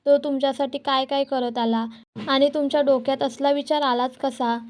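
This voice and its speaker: A woman's voice: sits high, flat delivery, normal speed, natural voice. Woman reading as a scolding proud young wife. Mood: angry scolding. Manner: sharp and scolding. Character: proud angry young wife, scolding her timid husband.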